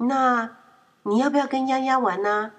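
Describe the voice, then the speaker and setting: A woman voicing a kind mother in a children's story, who speaks gently and asks a lot of questions. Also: high-pitched, steady tone, moderate pace, voice pushed up. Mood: motherly. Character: kindly surprised mother.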